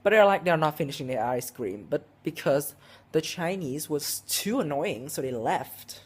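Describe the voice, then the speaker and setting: A man's voice: fairly high pitch, expressive, moderate pace, breathy edge. A sixteen-year-old boy tells a casual vlog story, rambling and restarting, with lots of "like" and "um". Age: teenager, 16. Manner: rambling, heavy with "like" and "um", frequent restarts. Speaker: vlogger.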